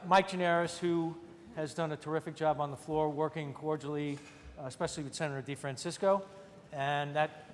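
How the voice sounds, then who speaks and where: A man delivers opening remarks as senate majority leader at a podium microphone, his voice sitting a little high for a man. He keeps it chatty and folds wry jokes in between the thank-yous. The sound rings with the long reverb of a large legislative chamber. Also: slight background noise. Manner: chatty, with wry joking asides.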